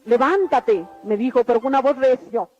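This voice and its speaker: Her voice sits high, with a steady tone and moderate pace, as this middle-aged woman recounts her religious testimony. The telling is earnest and repetitive, and the radio recording is dull and lo-fi with faint music.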